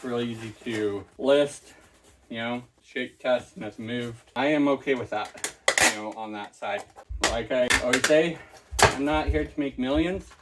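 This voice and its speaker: A man's voice: medium pitch, measured pace, heavy background noise. A man running a reseller vlog who talks casually and thinks aloud as he packs and ships orders, thanking each buyer by name. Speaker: online reseller. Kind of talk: casual packing-and-shipping vlog.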